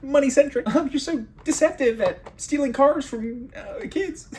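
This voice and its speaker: A man's voice: extremely high pitch, unhurried, a little mellow, slight background noise, pitched above the performer's own voice. A man voicing a condescending, overly polite male AI chatbot in a mocking, sugary tone. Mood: mocking, syrupy.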